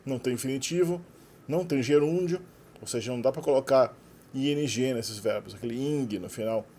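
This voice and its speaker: A man's voice: medium pitch, normal speed, dark tone. A Brazilian man whose first language is Portuguese, patiently explaining English verb forms in a lesson. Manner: patient, explanatory, reading out example verbs. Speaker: English teacher.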